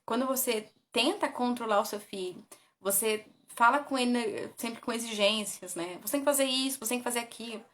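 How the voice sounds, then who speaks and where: A woman's voice: a little high, a little fast, fairly bright tone. Chatty Brazilian woman coaching parents. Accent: Brazilian Portuguese. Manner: conversational, often ends with "né?", reads from notes. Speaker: parenting educator. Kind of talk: casual video talk giving parenting tips.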